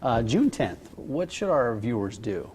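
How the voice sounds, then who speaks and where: A man's voice: medium pitch, big pitch swings, unhurried, a little mellow. Joking male TV co-host, faint hiss. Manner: casual, joking. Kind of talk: morning show banter.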